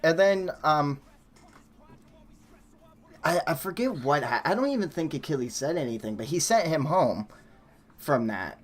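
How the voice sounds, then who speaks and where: While building a coaster in a game on a live stream, a man chats casually and types, telling a long story full of fillers and restarts. His voice is a little high and animated, unhurried, with long pauses.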